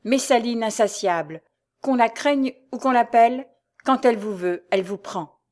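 A woman's voice: mid-range voice, natural voice. Woman reading as a cool mysterious nobleman. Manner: cool and measured. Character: calm gallant male nobleman, mysterious.

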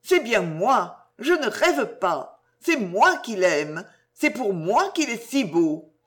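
A woman's voice: medium pitch, sing-song, slow pace. A woman voicing a passionate, torn young woman in an audiobook, with exclamations full of emotion. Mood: rapturous. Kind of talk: audiobook character reading.

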